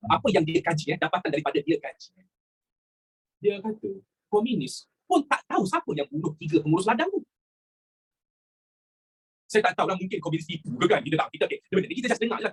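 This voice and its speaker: A man's voice sits high and sounds slightly rough as he teaches history with a Malaysian Malay accent. The lesson is chatty, blending in English words, with rhetorical questions and repeated phrases.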